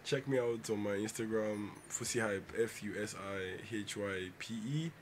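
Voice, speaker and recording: Laid-back male podcast guest, low voice, repeats himself, laughs often, noisy background. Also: unhurried. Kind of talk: casual chat.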